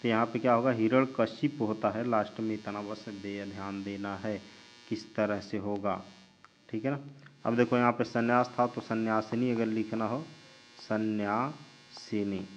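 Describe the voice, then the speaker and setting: A male teacher giving a spelling lesson, drawing out each word slowly and answering his own questions. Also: lowish voice, level tone. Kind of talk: spelling lesson while writing on a board. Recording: dull lo-fi recording with mains hum.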